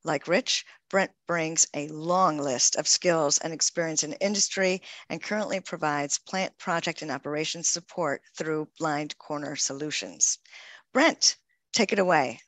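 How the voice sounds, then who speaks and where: A woman's voice: sits low, a little slow, fairly bright tone, dry recording. A woman moderating a webinar, upbeat as she reads speaker introductions. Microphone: video call.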